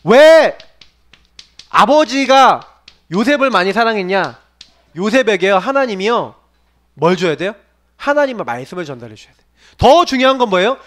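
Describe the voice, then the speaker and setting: Sitting high and a bit bright, the pastor's voice swings widely in pitch at normal speed, with frequent pauses. He preaches to young people, posing many questions to them and acting out quoted voices.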